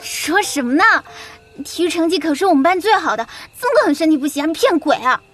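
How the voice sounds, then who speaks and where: A woman's voice: sits high, animated, fairly quick, faint music behind. A woman playing a tearful young woman who stammers and sobs, in an audio drama. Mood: protesting. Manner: stammering, sobbing. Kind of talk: amateur audio drama acting.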